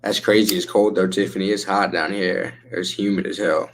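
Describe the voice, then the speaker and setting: A man's voice: deep voice, steady tone, moderate pace, vocal fry, slight background noise, rough recording. A man hosting a casual chat with a laid-back stoner drawl, using slang and swearing freely. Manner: slangy, profane. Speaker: livestream host chatting with viewers.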